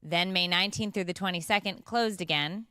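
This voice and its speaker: A woman's voice: fairly low pitch, fairly quick, sharp tone, clean tone, dry recording, studio quality. A woman co-hosting a morning show, reading local news with joking asides. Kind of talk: casual chat, reading news segments.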